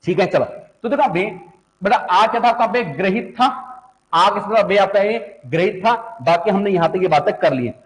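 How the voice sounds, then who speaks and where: A man's voice: sits high, normal speed, in a large hall, low-quality recording. A man teaching an online grammar class, calling his students "beta", asking again and again whether they follow, and repeating each point several times.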